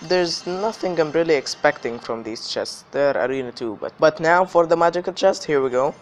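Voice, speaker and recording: A man's voice: fairly high pitch, moderate pace, a little hiss or hum. A man hosting a gaming video with casual gameplay commentary, his voice slightly affected by illness. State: slightly ill voice.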